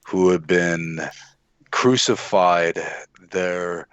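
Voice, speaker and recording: A man running a tabletop game as its game master, narrating grim scenes in an unhurried, measured way. His voice is very low and slow, and the mic sound is close and dry. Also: fairly even intonation, clean tone, no echo, highs cut off.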